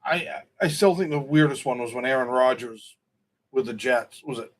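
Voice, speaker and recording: In a mid-range voice at a moderate pace, a middle-aged man hosting a stream rambles through opinionated, casual football chat, often stopping to correct himself.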